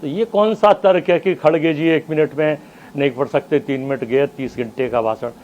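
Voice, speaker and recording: A man speaking as a panelist in a heated TV debate, forceful and repeating himself to keep the floor. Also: a little high, moderate pace, highs cut off, slight background noise.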